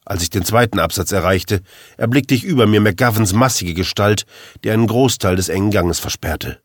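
A man's voice: fairly low pitch, moderate pace, slightly rough, dry recording. A man narrating a first-person crime story as an audiobook in a dry, wry way.

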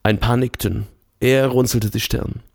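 A man reading an audiobook as narrator, in a measured, even storytelling manner. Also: medium pitch, vocal fry, no echo, studio quality. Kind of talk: scripted narration.

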